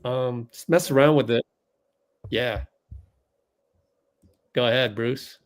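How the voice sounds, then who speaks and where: Speaking slowly at a medium pitch, a man runs a fan livestream with play-by-play commentary. He's flustered and rambling as he deals with tech problems, using lots of fillers and muttering to himself while he fixes them.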